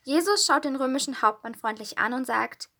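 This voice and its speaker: A woman calmly reading a children's Bible story aloud as the storyteller. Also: high-pitched, normal speed.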